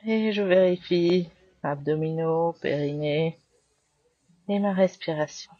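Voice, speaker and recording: Calm slow-spoken French yoga teacher woman. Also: fairly low pitch, no room sound, lo-fi sound. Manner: calm, slow spoken cues with breath counts. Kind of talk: guided yoga class instruction.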